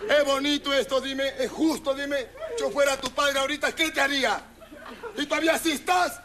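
A man with a Peruvian accent doing a stand-up comedy routine, loudly mock-scolding and teasing audience members on a television set. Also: very high voice, steady tone, fairly quick. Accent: Peruvian Spanish. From Peru. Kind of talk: street-style comic routine with the audience. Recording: loud crowd and noise behind the voice.

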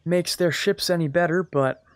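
A young man with a fairly high, slightly strained voice and fairly even intonation hosts a strategy game let's-play at normal speed in a dry recording. His commentary is casual and chatty, with self-deprecating remarks and comments aimed at the computer rivals.

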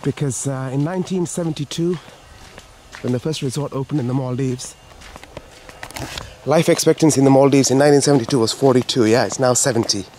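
This is a mellow, mid-range male voice going a bit fast, belonging to a vlogger from Sri Lanka. He chats informally while walking resort garden paths, often repeating himself, with the handheld camera's mic capturing him from behind it. Background noise comes through clearly.

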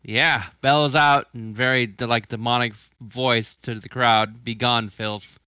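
A man's voice: medium pitch, steady tone, unhurried, sharp tone, smooth, no room sound. A man running a tabletop game as game master, narrating casually with fillers.

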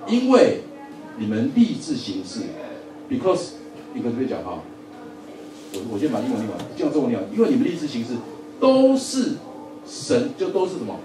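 A man teaching a Bible lesson in a church Sunday school, lively, often asking the audience questions and joking. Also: medium pitch, fairly quick, pauses often, over music. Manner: lively, asks the audience questions, repeats words, jokes. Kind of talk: sermon-style Bible lesson. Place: church hall. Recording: echoey room from a distance, faint ambience.

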